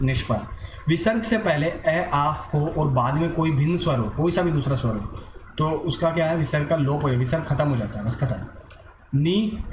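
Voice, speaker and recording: Guy teaching a grammar class, kinda high voice, echoey noisy room, keeps asking then answering himself. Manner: repetitive, asks and answers his own questions; mixes English words into his talk. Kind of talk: online grammar lesson.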